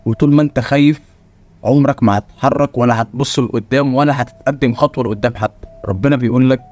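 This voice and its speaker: A man's voice: medium pitch, quick pace, darkish tone, dull audio, faint music behind. A man with an Egyptian Arabic accent hosting a motivational channel, talking bluntly and preachily to the viewer and firing rhetorical questions.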